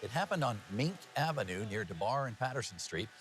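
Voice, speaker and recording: A TV news anchor and feature reporter speaks in an animated, brisk, medium-pitched voice. He anchors the newscast in a jokey, folksy, conversational style, shifting between banter and scripted reads.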